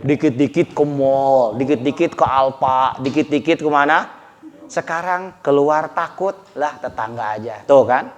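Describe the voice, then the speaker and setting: A man giving a lively, colloquial sermon as an Islamic preacher, often addressing his listeners directly. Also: fairly high pitch, measured pace. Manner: animated, colloquial, addressing listeners as Pak, with laughter. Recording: echoey hall recording.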